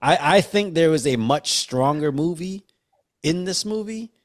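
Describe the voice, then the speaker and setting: A man's voice: on the high side, lively intonation, measured pace. Casual, teasing man hosting a podcast. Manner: informal, profane, teasing. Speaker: podcast host. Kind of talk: casual movie podcast chat.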